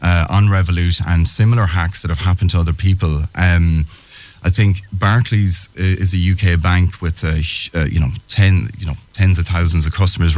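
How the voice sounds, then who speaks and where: A man giving a personal account as a radio interview guest, speaking earnestly with halting, hesitant phrasing. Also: deep voice, a little mellow. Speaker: interviewed guest, small business owner.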